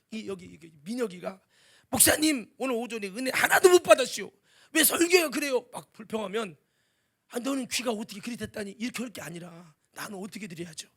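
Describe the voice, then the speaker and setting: High-voiced pastor preaching animatedly. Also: male voice, breathy edge. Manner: animated, swings from loud exclaiming to quiet musing, sings hymn lines. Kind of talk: sermon. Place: church sanctuary.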